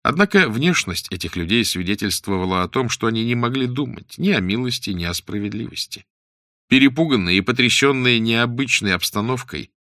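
A man narrating a story aloud in a measured, expressive reading. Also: fairly low pitch, dry recording, clean studio sound. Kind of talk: scripted audiobook narration.

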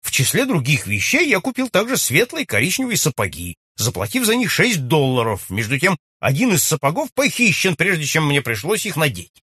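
A hearty young baronet back from abroad, as a man puts him on, pitched up above the reader's own voice and spoken loudly. He is forthright and exclaiming, in a husky, lively voice. The recording is dry and close, as in a spoken storybook. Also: moderate pace, few pauses, dry recording, exaggerated voice.

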